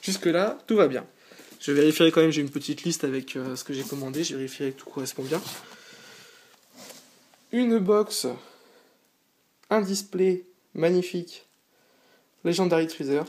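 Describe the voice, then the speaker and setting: A man's voice: a little high, moderate pace, pauses often, darkish tone, a little hiss or hum. Tired, eager man unboxing on a sofa. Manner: eager, chatty, frequent hesitations. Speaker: channel host. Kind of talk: casual unboxing vlog. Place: on a small sofa indoors.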